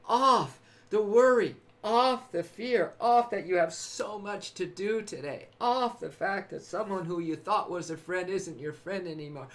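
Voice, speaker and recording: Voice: mid-range voice, normal speed, few pauses. A host from California giving a spiritual, motivational live-stream talk. The host laughs often, repeats phrases, and speaks to viewers by name.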